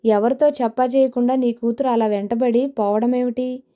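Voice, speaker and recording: A woman's voice: fairly high pitch, steady tone, normal speed, dark tone, natural voice. A woman voicing a teasing, good-humoured middle-aged father with a wry, joking manner.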